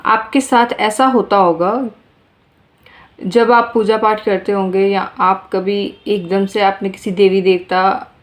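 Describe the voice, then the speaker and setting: A woman's voice: medium pitch, fairly even intonation, slow. A woman giving a tarot reading to her viewers in a casual, earnest way, often repeating phrases and speaking to them directly. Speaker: tarot reader.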